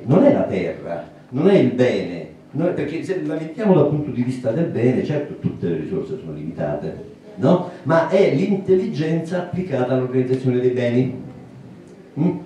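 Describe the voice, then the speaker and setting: A man in his 60s gives a public lecture to a small audience in an indoor meeting room, speaking thoughtfully with pauses, many fillers, and restarts. His voice is mellow with a lively pitch. He uses a handheld mic, but a far-off camera captured him, so the sound is very reverberant and distant, with slight background noise.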